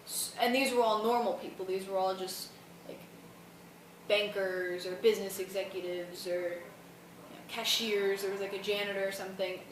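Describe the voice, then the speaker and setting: A woman's voice: medium pitch, steady tone, normal speed. A young woman student rambling through a casual, colloquial explanation for a vlog, sounding tired. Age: young adult. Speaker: student vlogger. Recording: roomy, distant mic, faint noise.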